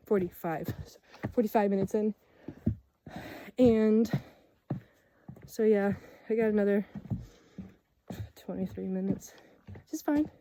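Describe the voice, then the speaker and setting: A woman's voice: mid-range voice, warm tone, slight background noise. A young woman vlogger chatting casually while walking a forest trail, rambling with self-mocking asides. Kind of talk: casual chat while hiking.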